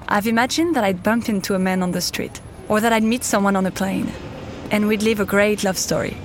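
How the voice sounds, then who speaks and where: A woman's voice: medium pitch, fairly even intonation, a little fast, a little hiss or hum. A woman in her thirties with a French accent, host of a podcast, telling her own story in candid scripted narration. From France. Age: 30s.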